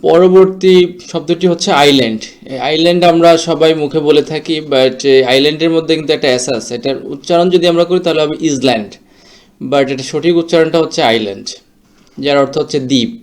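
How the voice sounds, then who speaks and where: Man slowly explaining English pronunciation. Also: on the high side, fairly even intonation. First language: Bengali. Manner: slow, explanatory, mixes English words into his talk. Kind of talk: explanatory lesson.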